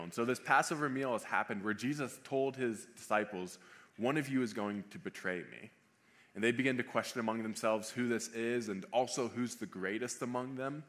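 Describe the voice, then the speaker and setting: Male pastor, mid-pitched voice, relaxed preaching, repeats lines for emphasis. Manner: conversational preaching, restating phrases for emphasis. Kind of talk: sermon.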